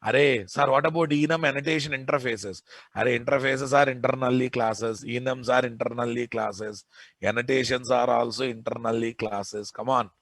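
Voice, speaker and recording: In an informal technical lesson, a lecturer with a Telugu Indian accent insists on points and frequently quizzes his students. He has a mid-range, slightly bright voice with fairly even intonation and a moderate pace, recorded without echo.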